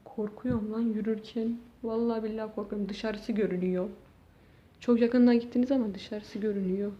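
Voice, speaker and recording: A woman's voice: a little high, steady tone, brisk, mellow. A woman YouTuber venting in a casual vlog, exasperated and swearing as she shows damage to her room. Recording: dull, echoey room sound.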